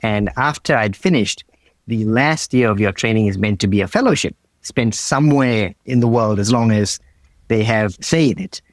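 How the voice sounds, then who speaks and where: A middle-aged man from Malaysia, a radiologist and comedian, talking in a relaxed way with hesitant restarts. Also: lowish voice, normal speed, no echo. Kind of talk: casual interview chat.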